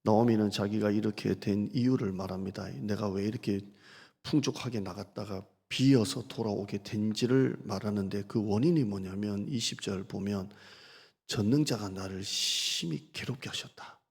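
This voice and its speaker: Man, pastor, sermon, gravelly, rhetorical questions, slow scripture reading. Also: lowish voice, warm tone. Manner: asks the congregation rhetorical questions; reads scripture slowly and deliberately. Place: church sanctuary. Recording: long reverb of a church hall.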